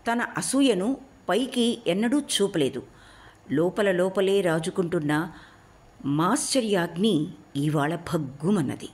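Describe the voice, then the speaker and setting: A woman narrating an audiobook story in an expressive, measured reading. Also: mid-range voice.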